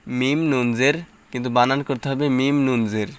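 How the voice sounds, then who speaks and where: A man's voice: mid-range voice, fairly even intonation, a little fast, clean tone. A man teaching Quran reading. He spells out the letters and vowel marks one by one, then chants the joined syllables. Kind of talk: slow letter-by-letter recitation drill.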